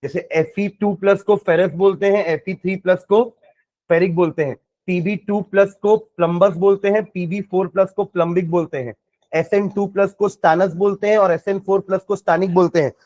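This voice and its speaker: A man teaching chemistry, dictating notes slowly word by word and asking students rhetorical questions, mixing Hindi and English. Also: high-pitched, fairly even intonation, a little mellow, muffled recording. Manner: mixes Hindi and English freely. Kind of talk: classroom lecture with dictation.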